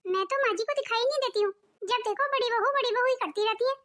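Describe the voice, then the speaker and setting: Woman voicing a jealous young bahu in a cartoon, sulky and scheming, really high and bright. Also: fast. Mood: resentful. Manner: sulky, complaining. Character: jealous young daughter-in-law Mahima, resentful and scheming.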